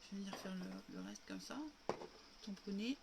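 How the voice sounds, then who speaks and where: A woman's voice: mid-range voice, steady tone, normal speed, creaky, very noisy. A woman with a lingering cough, chatting casually through a makeup tutorial livestream at home and walking viewers through each step. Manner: chatty, demonstrating step by step, addressing viewers as girls. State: coughing, recovering from illness. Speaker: makeup live streamer.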